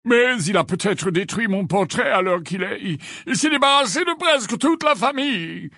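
A man's voice: high-pitched, animated, normal speed, pushed and bright, dry recording, clean studio sound, pitched above the performer's own voice, full character voice. A man voicing a reluctant old wizard in a painting, with a fluty voice and a drawling, grudging manner. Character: reluctant old portrait wizard, weary and fussy.

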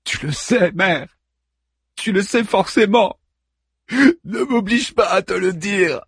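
A man playing a grief-stricken, furious young warrior hero who cries out and pleads, often shouting. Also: high-pitched, expressive, a little slow, slightly rough, dry recording, studio quality, pitched above the performer's own voice, heavily acted. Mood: pleading.

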